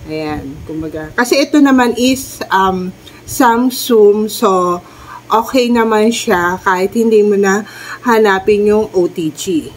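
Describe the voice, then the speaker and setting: A medium-pitched woman takes it slowly over slight background noise, talking viewers through the steps of a clip-on mic demo. The middle-aged, Filipino-accented vlogger sounds nasal from a cold and uses a wireless mic with her phone as she moves through her home in a chatty, casual way.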